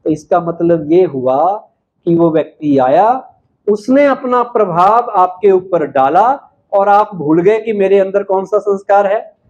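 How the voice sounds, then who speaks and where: A man's voice: high voice, a little mellow. A man giving a spiritual talk to an audience, asking questions and answering them himself with emphasis. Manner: unhurried, emphatic delivery. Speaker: spiritual speaker. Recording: slightly dull, lo-fi sound.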